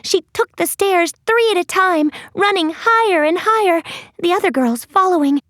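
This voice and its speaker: A woman reads a children's fantasy audiobook with a high, lively voice that swoops all over. She takes a slow, playful storytelling pace. The recording is dry and close-miked. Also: no room sound. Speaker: audiobook narrator. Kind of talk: expressive audiobook narration.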